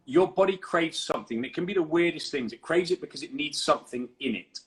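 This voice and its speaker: A man's voice: a little high, lively intonation, fairly quick, low-quality recording. A man co-hosting a podcast, explaining nutrition in a confident, emphatic coaching manner. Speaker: fitness coach and podcast co-host.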